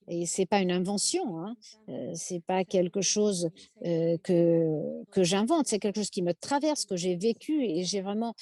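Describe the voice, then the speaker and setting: A woman with a warm, mellow voice moderates a panel over a video call. She reads out audience questions and then interprets the guest's answer into the first person. Her speech is halting, full of fillers and restarted phrases. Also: mid-range voice.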